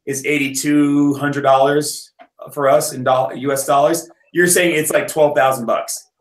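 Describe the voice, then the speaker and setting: A man's voice: on the high side, little pitch movement, unhurried. Man, 30s, easygoing rambling host on a video call, echoey room sound. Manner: rambling, with restarts and laughs. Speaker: host of a mountain biking live stream. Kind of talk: casual chat on a video call.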